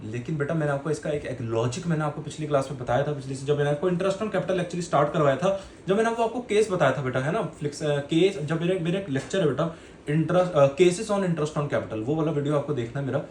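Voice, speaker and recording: A man's voice: a little high, a little fast, darkish tone. Playful male teacher, echoey room. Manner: playful, colloquial, calls students "beta". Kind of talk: classroom lecture. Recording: echoey room with faint noise.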